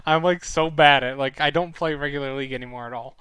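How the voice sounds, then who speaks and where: A young man reviews esports on his weekly live stream, chatty and rambling with frequent fillers and self-corrections, his throat sore as his voice begins failing. His voice is a little high and steady, fast, bright and forceful, clear and resonant, with no echo.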